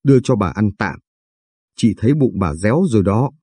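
A man reading as a calm, kind woman doctor. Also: fairly low pitch, moderate pace, no room sound. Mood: reassuring. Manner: reassuring, gentle.

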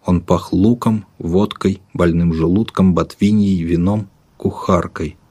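A man reads a dark tale aloud in a measured, vivid way, lingering on rhythmic lists. His voice sits low and carries a husky grain. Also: fairly even intonation. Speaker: narrator. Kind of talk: dramatic audiobook narration.

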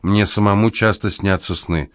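A man's voice: on the low side, fairly even intonation, moderate pace, no room sound, clean studio sound, close to an everyday voice. A man voicing a confident young con man who talks in a breezy, joking way. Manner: breezy, good-humored, mock-serious. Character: smooth confident young male swindler, playful.

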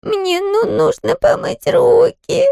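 Male reader's put-on high child voice: upset small girl in a cast, whiny, dry close sound. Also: expressive, a little slow, no echo, exaggerated voice. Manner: whiny, pleading. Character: small tearful girl with a broken leg.

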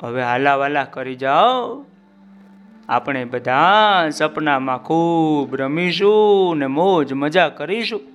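Unhurried, bright-voiced male children's storyteller. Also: on the high side, clean tone, soft background music. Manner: animated, addresses listeners directly.

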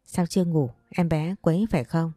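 A woman voicing a young husband who talks gently and soothingly to his wife. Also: deep voice, normal speed, dry recording, faint music behind. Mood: tender.

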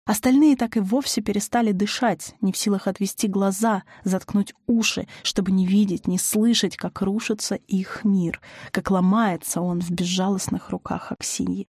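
A woman narrating an audiobook in a measured, expressive way. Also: mid-range voice, slightly rough, no room sound, clean studio sound.

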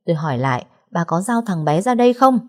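A woman's voice: fairly low pitch, big pitch swings, quick pace, a little mellow. A woman voicing a stern older father in a story who barks and scolds. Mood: shouting. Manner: barking, scolding. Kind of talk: audiobook character reading.

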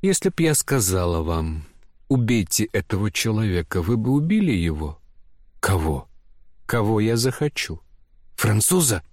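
A man's voice: on the low side, sing-song, moderate pace, darkish tone, no echo. A man voicing a proud, scornful young woman with a dry, contemptuous delivery in an audiobook. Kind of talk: audiobook character reading.

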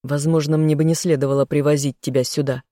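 A jealous, sneering young man who snaps out insults, as the reader puts him on. The voice is mellow and dark in tone, recorded close and dry, like a studio audiobook. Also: medium pitch, little pitch movement, quick pace, dry recording, natural voice. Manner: sneering, snapping.

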